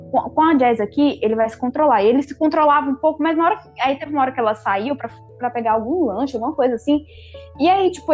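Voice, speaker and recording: Young female host, high and quick, chatty storyteller; lo-fi recording. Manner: animated, lots of fillers and quoted dialogue. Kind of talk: casual storytelling chat with friends.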